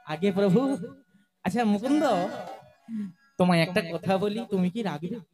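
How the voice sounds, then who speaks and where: High-voiced man singing devotional kirtan. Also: animated, moderate pace. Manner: leads call-and-response chanting, coaxes the crowd. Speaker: kirtan singer. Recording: live with loud music. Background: tabla and harmonium music.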